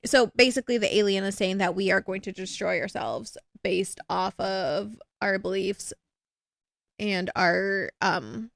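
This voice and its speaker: A woman's voice: mid-range voice, unhurried, vocal fry, dry recording, studio quality. A woman co-hosting a podcast in casual chat, rambling with lots of fillers and poking fun at herself. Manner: rambling, filler-heavy, self-deprecating. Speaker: podcast co-host.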